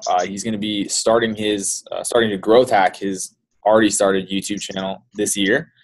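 Low-voiced young man hosting a chat. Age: young adult. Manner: relaxed, many quick yeahs. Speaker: interview host. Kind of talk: casual interview on a video call. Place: small room indoors. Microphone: studio mic and earphones.

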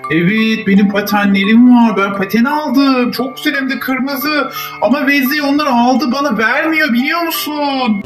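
Guy voicing a whiny toy neighbor dude, super high pitched, far off in a roomy space. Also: steady tone, normal speed. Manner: plaintive, childlike complaining. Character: whiny toy neighbor man wanting his skates. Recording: echoey room, voice from far off. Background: music.

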